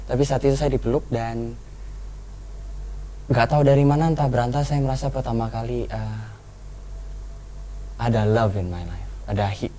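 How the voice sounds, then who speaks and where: A young man telling a painful personal story on a talk show, earnest and halting. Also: mid-range voice, warm tone, slight background noise, rough recording. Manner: earnest, reflective, halting with restarts. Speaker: guest.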